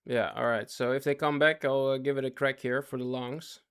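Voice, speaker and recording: A smooth, mid-range voice keeps a steady tone and moderate pace as a man casually talks his chat audience through his trades. He's a day trading streamer who is losing his voice, speaking in spurts, restating things and asking if everyone follows.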